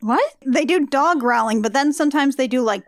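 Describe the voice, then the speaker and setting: A woman's voice: high-pitched, expressive, normal speed, no echo, clean studio sound. A woman co-hosting a podcast, chatting wryly with lots of "like". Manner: wry, chatty with many "like" fillers. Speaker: podcast co-host. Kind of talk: casual chat.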